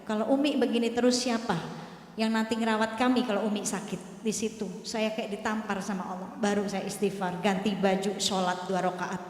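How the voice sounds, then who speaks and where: A woman's voice: mid-range voice, fairly even intonation, fairly quick. A middle-aged woman preacher giving an emotional sermon, telling a personal story and speaking to the women in the audience. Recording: echoey hall.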